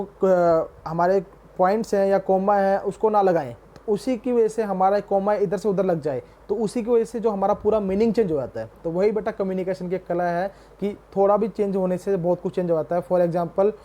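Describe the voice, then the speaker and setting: A young man teaching a commerce class, reading English definitions slowly and then explaining them in a mix of Hindi and English while calling his students "beta". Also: sits high, warm tone. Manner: addresses students fondly as "beta". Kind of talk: classroom lecture.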